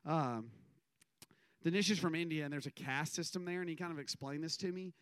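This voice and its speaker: A man's voice: fairly high pitch, brisk, fairly bright tone, smooth, no room sound. Rambling man preaching. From American South. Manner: rambling storytelling with self-deprecating asides. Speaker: minister. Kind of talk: casual conversational sermon.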